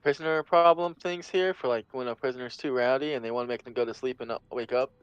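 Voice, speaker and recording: A man's voice: medium pitch, quick pace, clean tone, dry recording, highs cut off. A man playing a tabletop game, joking around and slipping into a put-on Southern drawl. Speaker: player.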